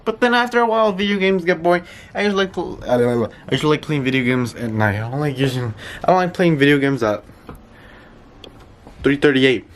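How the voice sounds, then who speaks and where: At home indoors, a New York teen vlogs in a fast, lively voice pitched a little high, with a stuffy, nasal quality. He wanders from point to point, self-conscious and heavy on filler words.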